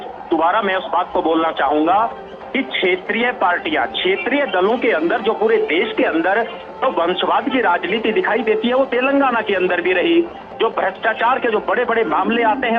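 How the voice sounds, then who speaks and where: A man's voice: high-pitched, phone-quality sound. Male TV analyst, live commentary, emphatic repetition, light music bed. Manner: measured, repeats phrases for emphasis. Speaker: news analyst.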